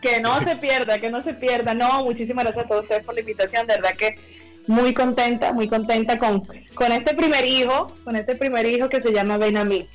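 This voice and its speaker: A woman's voice: a little high, steady tone, fairly quick, soft background music, low-quality recording. A woman with a coastal Colombian accent from Barranquilla, chatting effusively and colloquially as a singer being interviewed. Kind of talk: casual interview chat.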